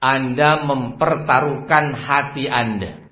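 A man preaching a religious lecture, who keeps repeating a blessing phrase as a filler and swings between emphatic bursts and quiet asides. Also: mid-range voice, slow pace. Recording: echoey room, dull lo-fi sound.

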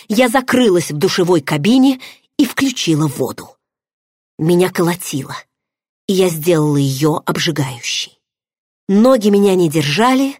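A woman's voice: fairly low pitch, darkish tone, breathy edge, no echo, studio quality. A woman narrating a romance novel in the first person, reading with emotive drama. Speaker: audiobook narrator.

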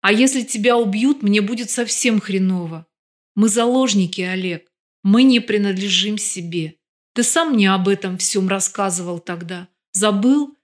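A woman voicing a bitter, sharp-tongued young woman with raised outbursts in an audiobook. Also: medium pitch, normal speed, lightly acted.

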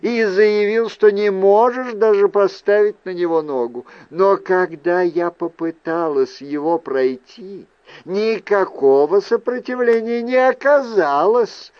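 A man reading an audiobook, voicing a wary aristocratic aunt who is a sorceress, with measured, pointed questions. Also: sits high, smooth, no room sound, dull audio, voice pushed up. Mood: cool, probing. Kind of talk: audiobook character voice.

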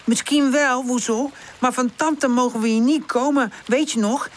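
Vrouw als voorzichtig, bedachtzaam teefje. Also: female voice, high voice, steady tone, normal speed, a little hiss or hum, voice pushed up, close to an everyday voice. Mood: hesitant. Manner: hesitant, rule-minded, cross. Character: cautious sensible female puppy dog.

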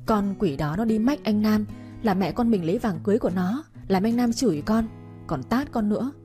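A woman voicing a spiteful young sister-in-law with a shrill, sour tone who is loud and accusing. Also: animated, fairly quick, soft background music, lightly acted.

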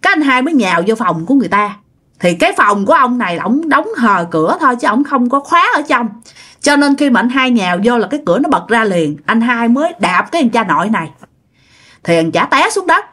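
A woman's voice: fairly high pitch, big pitch swings, fast, a bit bright, breathy edge. A woman telling a ghost story in a conversational way, speaking straight to her listeners. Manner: conversational, addresses listeners directly. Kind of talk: spoken ghost story narration.

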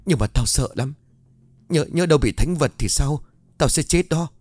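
A man's voice: fairly high pitch, animated, moderate pace, darkish tone, no echo, voice pushed up. A man doing a frightened young man in an audiobook, stammering and pleading, his voice rising and falling a lot. The sound is close and dry. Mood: panicked. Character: young man, guilty and panicking.

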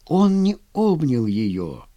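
A man narrating a story as an audiobook reader, expressive and measured. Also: mid-range voice.

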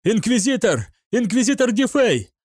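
A man voicing a frightened young male cadet who stammers and shouts in panic. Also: sits high, sing-song, normal speed, no room sound, clean studio sound, pitched above the performer's own voice. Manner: panicky outbursts.

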